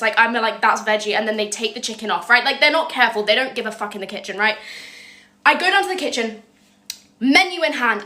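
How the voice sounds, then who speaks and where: A young woman telling a casual storytime, swearing freely and tagging lines with "right?". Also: high voice. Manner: swears freely, animated, keeps asking "right?".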